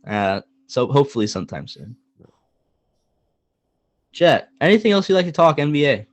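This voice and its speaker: A young man co-hosting a casual sports podcast, talking in an animated, joking way and hammering points with repetition. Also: a little high, normal speed, dry recording. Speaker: podcast co-host.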